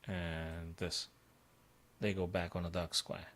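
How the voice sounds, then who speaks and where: A slow-talking man with a very low voice tackles chess puzzles live on stream. Thinking aloud in short bursts, he repeats phrases and has excited outbursts, sounding like a coach working out each move as it happens.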